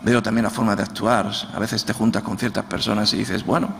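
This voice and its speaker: A man's voice: lowish voice, fairly even intonation, fairly quick, gravelly, fairly bright tone. A man, a pastor with an Andalusian accent, preaching a sermon, often repeating words as he searches for them and asking the congregation to answer back. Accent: Andalusian Spanish. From Andalusia, Spain. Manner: asks the congregation for response. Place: church hall. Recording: church hall with long reverb, faint noise.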